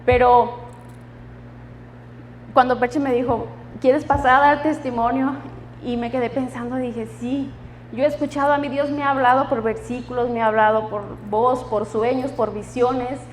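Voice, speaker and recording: A woman's voice: a little high, fairly even intonation, normal speed, long reverb tail, a little hiss or hum. A woman giving her personal testimony in church, emotional and laughing often as she quotes the voices of God and friends.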